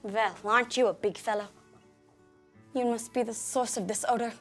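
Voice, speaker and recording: Snooty fussy city bride, high prim voice, faint music under it. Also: female voice, fairly even intonation, normal speed. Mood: disdainful. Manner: prim, disdainful, overly formal. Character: haughty fussy city bride woman, disdainful. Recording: film soundtrack with faint music.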